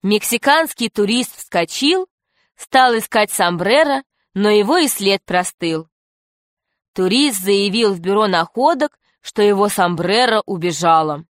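A woman narrating a children's story for an audiobook, telling it in a steady, clear way. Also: medium pitch, a little slow, no echo, studio quality.

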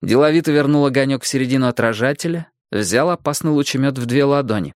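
A man narrating a children's story aloud, reading in an expressive, animated way. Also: mid-range voice, fast, no echo, studio quality. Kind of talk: audiobook storytelling.

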